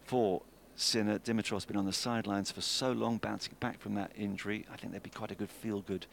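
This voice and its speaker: A man commentates on live tennis in a low, gravelly voice. He is chatty and lively, and his pitch rises with the play. Steady noise sits behind him on the broadcast. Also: brisk.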